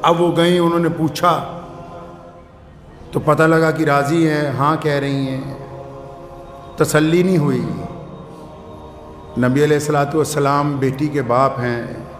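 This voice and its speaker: A man preaching an emotional sermon with a Punjabi-inflected Urdu accent, impassioned and rising to shouts of rebuke. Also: a little high, steady tone, slow, long pauses, faint music behind. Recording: echoey hall reverb.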